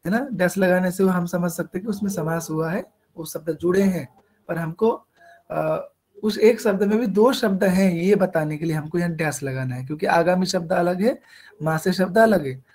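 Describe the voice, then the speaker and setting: A man with a high voice teaches an online language lesson. He reads example sentences slowly, explains each point in Hindi, and asks the class questions that he then answers himself. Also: darkish tone. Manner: explains in Hindi between slow spoken Sanskrit examples. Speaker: Sanskrit teacher.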